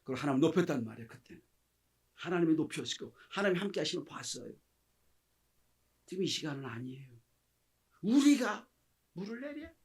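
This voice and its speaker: A middle-aged male pastor preaching a sermon with passion, acting out quoted speech and swinging between loud exclamations and near-whispers. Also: a little high, lively intonation, fast talker, long pauses.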